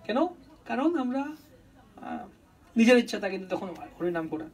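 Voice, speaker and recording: Devotional preacher: a man with a high voice, set back from the mic, explaining and chanting verses. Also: sing-song, measured pace, darkish tone, slightly rough, far from the mic, rough recording. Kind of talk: devotional sermon.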